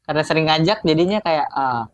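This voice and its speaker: A young man co-hosting a casual podcast chat, talkative and quick to laugh, with many asides. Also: fairly high pitch, dry recording, highs cut off. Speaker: podcast co-host. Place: small room at home.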